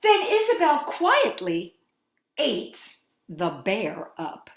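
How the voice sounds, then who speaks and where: Hosting a children's storytime, a woman reads a picture book with an expressive, sing-song delivery, her slightly high voice rising and falling widely as she leans into each line's drama. She takes her time, lingering on words and pausing dramatically, while the room rings with a noticeable echo.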